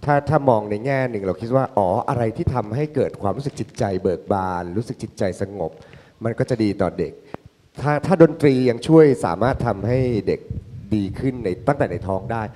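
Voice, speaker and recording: A man, a father on the show, talking hesitantly with halting restarts. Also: medium pitch, expressive, mellow. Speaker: guest father. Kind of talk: casual chat.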